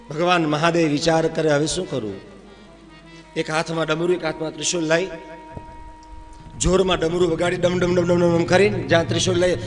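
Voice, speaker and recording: High-voiced devotional storyteller, man. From Gujarat, India. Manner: animated, acting out scenes. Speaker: religious storyteller. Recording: reverberant hall with faint music.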